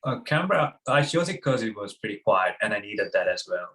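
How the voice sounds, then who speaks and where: A young man from Sri Lanka, a guest on an interview podcast, speaking with hesitant pauses and fillers. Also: on the low side, very animated, fairly bright tone. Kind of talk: casual interview chat.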